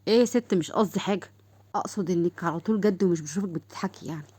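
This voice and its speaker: A woman voicing a teasing, joking young man, fast and dry. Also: fairly low pitch, mellow, breathy edge, dry recording.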